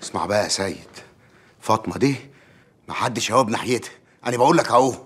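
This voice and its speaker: Actor doing sly village mayor, talks quick and calm, veiled threats, tv drama. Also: male voice, on the low side, slight background noise, natural voice. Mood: menacing calm. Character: scheming village mayor, middle-aged man, sly and self-assured. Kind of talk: TV drama acting.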